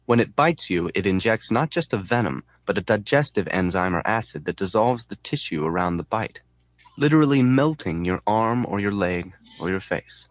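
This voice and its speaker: A male audiobook narrator with a very deep voice, reading in a deadpan, wry way. The sound is dry and close-miked, with no room around it. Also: normal speed, no echo. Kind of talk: scripted narration.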